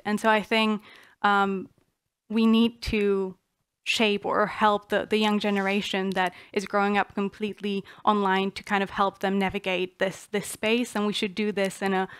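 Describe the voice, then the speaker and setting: A young woman from the Czech Republic presents her proposal on a panel, earnest and full of small restarts. Her voice is smooth and clear, with a fairly flat melody. The sound is close and dry. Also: mid-range voice, no echo. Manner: earnest, many fillers and restarts. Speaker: student panelist.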